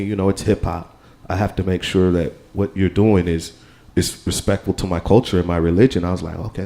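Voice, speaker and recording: Appearing on a live panel in a radio studio before an audience, an American percussionist rambles in a relaxed, casual manner, constantly checking in with "you know what I'm saying." His voice sits low and sounds mellow.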